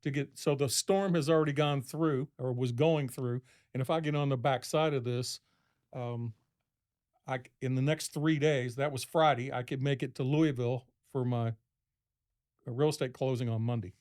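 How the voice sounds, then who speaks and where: A man's voice: mid-range voice, fairly even intonation, moderate pace, darkish tone. A man, a podcast guest, telling a long story casually, rambling and acting out what people said. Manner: rambling, acts out quoted speech in a raised voice.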